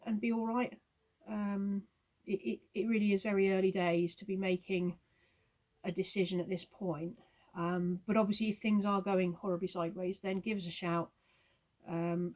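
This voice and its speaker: A woman's voice: medium pitch, darkish tone. Reassuring woman, rambling. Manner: reassuring, rambling with many hesitations. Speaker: puppy owner giving advice. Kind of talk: casual recorded video message.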